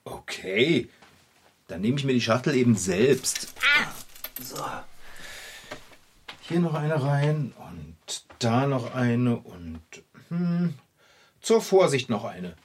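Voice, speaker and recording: A man voicing an excitable, easily panicked male bicycle mechanic in a children's radio play. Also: mid-range voice, slow, long pauses, noisy background. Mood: pleased.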